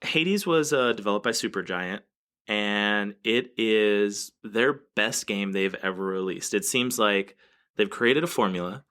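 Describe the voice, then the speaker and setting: A man's voice: lowish voice, measured pace, a bit bright. A man co-hosting a gaming podcast in casual chat, joking and laughing often. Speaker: podcast co-host.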